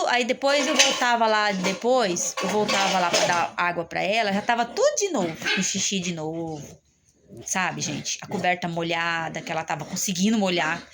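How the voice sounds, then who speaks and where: A woman's voice: mid-range voice, noisy background. A woman with a Brazilian accent, a family caregiver, talking casually and at length straight to her viewers, rambling and often turning to address them. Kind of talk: casual vlog talk to viewers.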